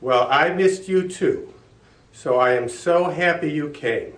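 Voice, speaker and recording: Warm, excitable old grandpa read by a man, hearty storybook style, highish pitch, roomy distant sound. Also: slow pace. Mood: glad, welcoming. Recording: roomy echo, distant from mic.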